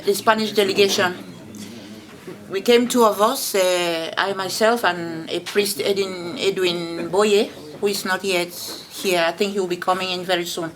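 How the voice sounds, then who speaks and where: A woman's voice: mid-range voice, background noise. A woman heading a delegation, introducing herself carefully at a meeting. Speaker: delegation head. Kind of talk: formal self-introduction.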